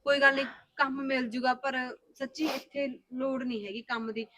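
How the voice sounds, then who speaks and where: An actress playing a soft-hearted young woman of the house, speaking in a soothing voice. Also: high voice, steady tone, moderate pace. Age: young adult. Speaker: daughter of the house.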